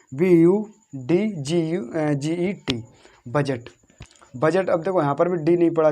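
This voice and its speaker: A male teacher with a somewhat high voice leads a patient spelling lesson. He repeats each word several times and spells it out one letter at a time. He keeps asking his pupils questions and answering them himself. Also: dark tone. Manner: repetitive, drills words slowly letter by letter. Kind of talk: classroom-style lesson on English spelling.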